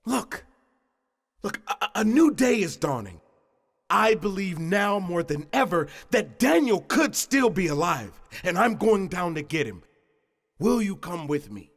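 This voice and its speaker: Stage king, male actor: fervent believer, high voice with a rough edge, emphatic projected delivery. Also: sing-song, a little slow, full character voice. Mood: hopeful, urging. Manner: emphatic, declamatory. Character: fervent king newly convinced of Daniel's God. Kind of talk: projected stage drama acting. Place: theatre stage.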